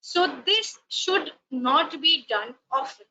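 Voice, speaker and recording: A language teacher with an Indian English accent, a native Rajasthani speaker, lectures in a webinar, polite and explanatory but hesitating often. Her high-pitched voice is animated, bright and forceful, and she takes her time, all through dull lo-fi online call audio.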